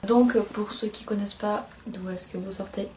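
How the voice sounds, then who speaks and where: A woman's voice: mid-range voice, steady tone, normal speed, darkish tone. Young woman, book-review co-host, chatty and self-mocking, recorded in an echoey room with faint hiss. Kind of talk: casual chat book review.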